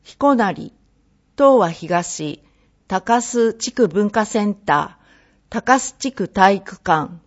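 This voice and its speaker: A woman reading a public notice of facility closures in a slow, measured way, as a municipal announcer. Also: medium pitch, expressive, dull audio.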